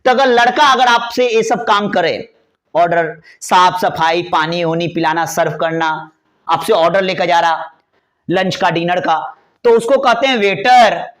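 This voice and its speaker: High-voiced man teaching English words. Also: fairly bright tone. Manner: chatty and playful, spells words letter by letter, drawls key words slowly. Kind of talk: classroom lesson explaining vocabulary.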